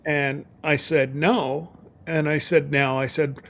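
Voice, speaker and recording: A man's voice: on the high side, fairly even intonation, slow pace, background noise. A middle-aged man chatting casually on a live stream as co-host, rambling and folksy with many restarts.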